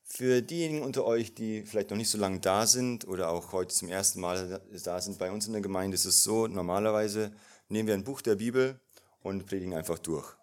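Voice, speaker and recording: A man's voice: lowish voice, fairly quick, a little mellow. A male pastor preaching a sermon in a casual, personal way with fillers.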